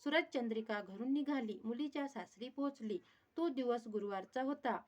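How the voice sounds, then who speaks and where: A woman reading a devotional folk tale aloud in a steady, even narration. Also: on the high side, normal speed, highs cut off. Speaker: storyteller.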